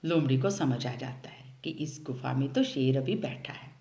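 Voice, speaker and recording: A woman telling a children's story, speaking directly to the young listeners in an animated way. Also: very deep voice, normal speed. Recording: roomy echo.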